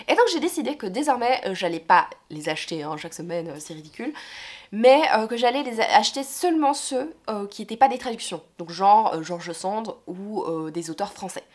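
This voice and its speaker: A young woman with a cold and a stuffy voice, chatting hesitantly about her book purchases in a casual vlog. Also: medium pitch. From Belgium. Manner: chatty, hesitant, many fillers and self-corrections. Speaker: book vlogger.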